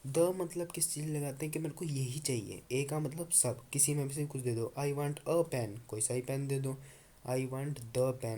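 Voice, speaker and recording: Male tutor, unhurried, warm low timbre, patient coaxing classroom manner. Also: a little hiss or hum. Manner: coaxing, repeats points, calls students "babu". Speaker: English teacher. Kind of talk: Hindi-language grammar lesson.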